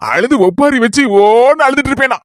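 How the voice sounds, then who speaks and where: A man's voice: extremely high pitch, lively intonation, a little fast, a bit bright, dry recording. A man playing a playful young husband who teases his wife's grandmother in a comedy skit, with a Kanyakumari Tamil accent and joking banter. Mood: teasing. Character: teasing young husband, playful son-in-law.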